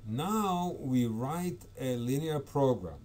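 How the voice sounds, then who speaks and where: Man presenting a technical conference talk, mellow, hesitant delivery with many "uh"s, faint background hiss. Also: mid-range voice, animated, slow. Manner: hesitant, frequent fillers and self-corrections. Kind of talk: academic talk over slides.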